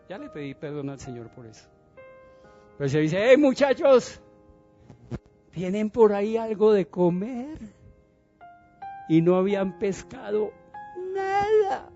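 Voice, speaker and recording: A male pastor preaching a sermon in a church, animated and dramatic, getting the congregation to repeat phrases and asking them questions. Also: high-pitched, muffled recording.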